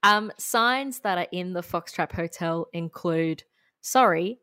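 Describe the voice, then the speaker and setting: A woman's voice: on the low side, slow, bright, forceful tone, smooth, no echo, clean studio sound. Chatty, giggly Australian woman. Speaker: podcast co-host. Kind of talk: casual chat.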